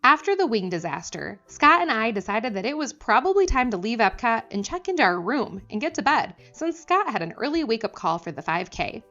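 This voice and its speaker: A woman narrating a vlog voice-over in a lively way. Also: a little high, fairly quick, few pauses, lo-fi sound, soft background music.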